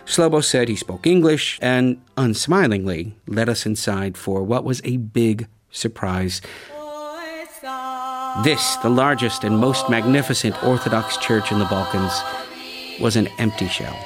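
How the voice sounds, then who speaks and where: Guy telling a story slow with big pauses, guitar playing under him. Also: mid-range voice. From United States. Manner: measured, with dramatic pauses. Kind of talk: scripted story narration. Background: guitar music.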